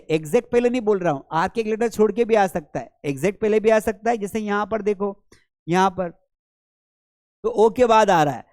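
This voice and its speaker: A man's voice: high voice, a little mellow, no room sound, clean studio sound. A man teaching English pronunciation in a video lesson, explaining patiently and calling viewers his children. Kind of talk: classroom-style video lesson.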